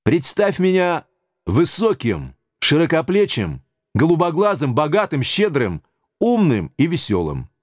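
A man voicing a brash, rowdy man in his thirties who talks in a loud, mocking, coarse way. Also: fairly high pitch, wildly swooping pitch, measured pace, no echo, studio quality, pitched above the performer's own voice, full character voice. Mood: bantering. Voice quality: hoarse and coarse when shouting.

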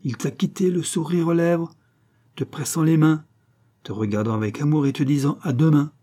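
A man's voice: on the high side, normal speed, pitched above the performer's own voice, lightly acted. A man voicing a cold, sinister schemer. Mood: commanding. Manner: icy, calm, commanding. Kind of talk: audiobook character reading.

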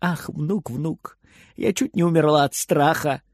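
A shaken, tender old granny in a children's audiobook, as a male narrator puts her on. She murmurs quietly and her voice trembles. The sound is dry and close. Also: on the high side, moderate pace, no echo. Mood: trembling. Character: frightened, tender elderly grandmother.

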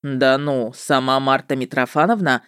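A woman's voice: rumbling low, normal speed, a bit bright, smooth, dry recording, studio quality, voice pushed down. A woman voicing a brash, cocky male witcher in an audiobook, talking in a curt, dismissive, matter-of-fact way. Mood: offhand.

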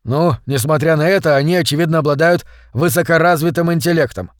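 A man's voice: a little high, fast talker, no echo, natural voice. Man reading a practical, speculating man, audiobook, dry close sound.

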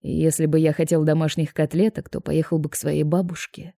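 A woman's voice: sits low, level tone, brisk, gravelly, warm tone, no echo, studio quality. A woman voicing a cocky, teasing young male television presenter in an audiobook. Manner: smug, mocking.

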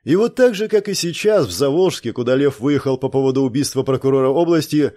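A man reads a detective novel in steady, measured narration. His voice sits a little high for a man. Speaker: audiobook narrator. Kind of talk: scripted narration.

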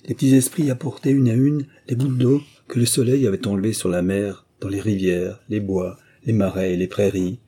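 A man calmly narrating a fairy tale audiobook in a measured storytelling manner. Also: lowish voice, slightly rough.

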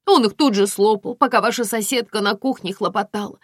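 Woman voicing a shrill, gushing young girlfriend in an audiobook, high-pitched and rushed, dry close sound. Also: dry recording, natural voice. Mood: tearful. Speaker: audiobook reader.

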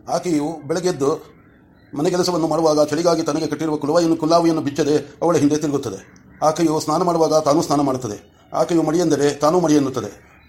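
A man narrating an audiobook in a steady, measured storytelling way. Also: on the high side. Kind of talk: scripted narration.

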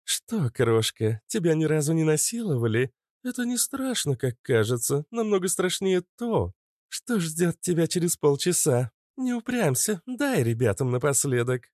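Man voicing a haughty nymph woman, high and mocking. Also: very animated, normal speed, a little mellow, no echo, clean studio sound. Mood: scornful. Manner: imperious and mocking. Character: haughty, scornful young woman nymph mistress.

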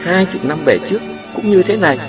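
A man voicing an older village healer, anxious underneath but insisting that all will be well, his voice lifted higher than plain reading. The mic sits at a distance, with music under the storybook reading. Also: animated, fairly quick. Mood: insistent reassuring. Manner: raised, pleading, reassuring.

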